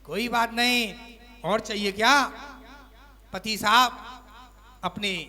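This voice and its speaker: High-voiced monk preaching in an echoing hall. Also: male voice, slow. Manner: animated storyteller, acting out household characters. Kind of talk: sermon with storytelling. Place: temple hall before a seated congregation. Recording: long hall reverb.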